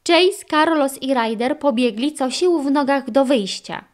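A woman narrating a children's audiobook with expressive storytelling. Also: sits high, unhurried.

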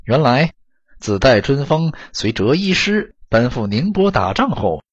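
A man narrating an audiobook story in an expressive, dramatic storytelling manner, on a dull lo-fi recording. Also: medium pitch, a little slow, husky.

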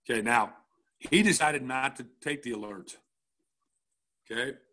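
Blunt football coach breaking down film. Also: male voice, medium pitch, unhurried, bright, forceful tone. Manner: blunt, casual, peppered with "all right?".

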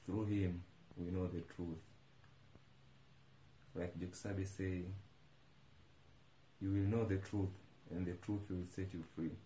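Deep, slow, fervent Tanzanian man. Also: flat delivery, dark tone, a little hiss or hum. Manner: fervent, declaring, repetitive praise. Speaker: church member giving testimony. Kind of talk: prayerful testimony. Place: indoors on a sofa in a living room. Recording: echoey room.

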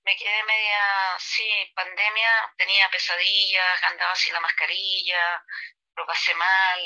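A middle-aged Chilean woman artist, chatting casually and warmly in a remote interview with a Chilean accent, laughing easily. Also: mid-range voice, flat delivery, a little slow, muffled recording. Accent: Chilean Spanish. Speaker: artist guest.

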